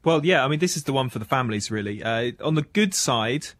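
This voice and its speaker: Wry film critic on radio. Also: male voice, medium pitch, animated, fast, a bit bright. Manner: chatty and wry, breaks into mock voices. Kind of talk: casual radio film review chat.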